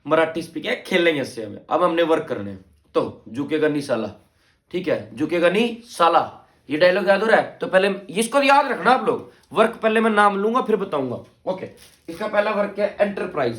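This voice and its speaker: A man's voice: a little high, roomy sound. A young man teaching an exam lecture, quizzing his students and using playful movie references. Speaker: exam tutor. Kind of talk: mnemonic-driven exam lecture.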